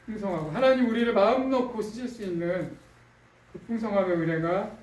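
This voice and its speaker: Preaching in a church sanctuary, this man has a high-sitting, brisk, darkish voice and talks to the congregation casually, with fillers and questions. The mic is far away and the room echoes.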